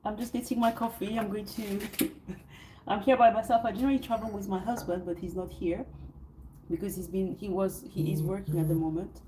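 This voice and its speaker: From a hotel suite, a French woman with a French accent hosts a casual livestream, sleepily rambling and hesitating with lots of fillers and restarts as she chats with viewers. Her mid-range voice is fairly even and a little fast, with background noise present.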